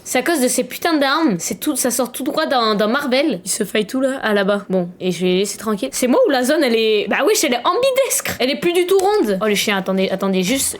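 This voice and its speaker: A young woman giving casual, slangy gaming commentary, excitable and swearing, with sudden loud shouts. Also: fairly high pitch. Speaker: gaming streamer.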